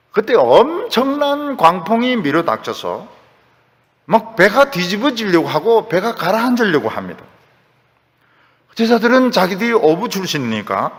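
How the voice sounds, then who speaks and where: Male pastor, sermon, lively swooping pitch, emphatic rhetorical questions, long hall reverb. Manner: acts out quoted voices. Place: church sanctuary.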